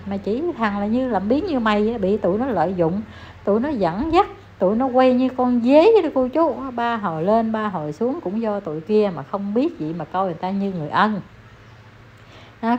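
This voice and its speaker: A woman's voice: medium pitch, slight background noise. Scolding Southern Vietnamese woman ranting. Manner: scolding, heated, talks down to the person she criticizes. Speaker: online commentator. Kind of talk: ranting commentary vlog. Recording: slightly dull recording, faint background ambience.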